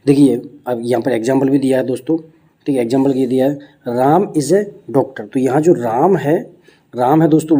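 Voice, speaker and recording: A man's voice: mid-range voice, dark tone. A young man with a Hindi accent teaching a grammar lesson for exam students, explaining step by step and asking rhetorical questions.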